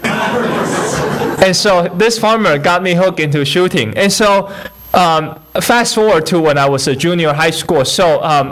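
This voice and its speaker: A young man from Taiwan with a Taiwanese accent sharing his personal testimony at a church service, halting with fillers and restarts and a touch of humor. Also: fairly high pitch, a bit bright. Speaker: guest speaker.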